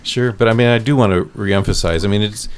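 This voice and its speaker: Speaking in a clean, lowish voice at a slightly quick pace, this central Iowa man is a priest guesting on a studio talk show. He explains earnestly with frequent restarts during the podcast-style conversation in a radio studio.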